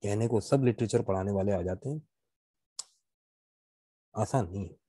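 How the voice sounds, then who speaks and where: A man with a Pakistani accent teaching literature in an online class, mixing English into his explanations, asking questions and answering them himself, and reading verse slowly with a rhythmic stress. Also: on the low side, dark tone, breathy edge, no echo, clean studio sound. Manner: explains in Urdu mixed with English, asks and answers own questions.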